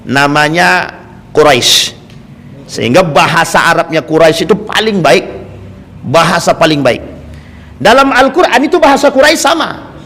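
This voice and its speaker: A man's voice: extremely high pitch, fairly bright tone. A male Islamic preacher giving a sermon, speaking directly to the congregation and telling stories through questions. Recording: long hall reverb.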